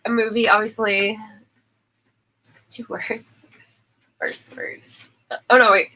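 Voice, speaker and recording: A woman livestreams from an indoor studio, chatting casually into her phone, laughing often and apologizing for tech trouble while stuffy and sniffling from allergies. Her slightly high voice is bright and forceful, with little pitch movement, and she takes her time. The recording is rough.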